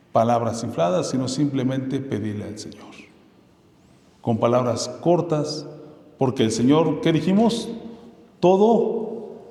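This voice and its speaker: A male pastor preaching a sermon in a mid-pitched voice, asking his listeners questions and then answering them himself. His voice rings through a roomy hall with a long, trailing reverb. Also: dark tone. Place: church hall.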